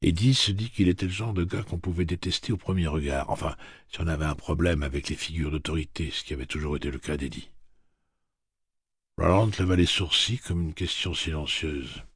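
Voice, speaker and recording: A man narrating an audiobook in a steady, measured reading. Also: sits low, husky, no room sound, clean studio sound. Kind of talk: scripted narration.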